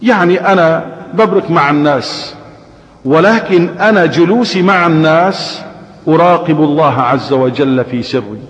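A man's voice: on the high side, moderate pace, muffled recording. A man preaching a sermon with a Syrian Arabic accent, telling stories animatedly and asking rhetorical questions. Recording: echoey hall reverb.

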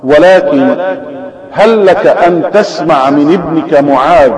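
A devout, patient wife speaks tactfully and gently, as a male preacher reads her lines. The voice is slightly high for a man. It echoes around a large hall, with a crowd murmuring behind it. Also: unhurried, lightly acted.

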